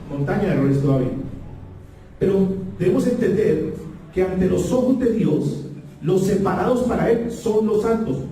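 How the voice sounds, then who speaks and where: Pastor preaching in a very echoey hall. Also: male voice, sits high, dark tone. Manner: calls the congregation to repeat after him; emphatic, repeats key phrases. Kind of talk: sermon. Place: church hall. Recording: very echoey room, heard from far off.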